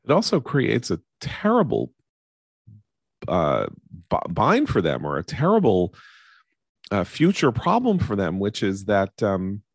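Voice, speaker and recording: A man's voice: fairly low pitch, huge pitch swings, a little slow, vocal fry, pauses often, husky, dry recording, clean studio sound. A middle-aged man hosting a political talk show, commenting analytically and in long digressions. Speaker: host.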